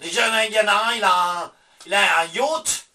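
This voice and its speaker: A man's voice: high-pitched, moderate pace, bright, forceful tone, distant mic. A man with a Belgian French accent doing a sarcastic, swearing monologue vlog, answering himself in asides. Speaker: vlogger. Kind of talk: casual ranting monologue.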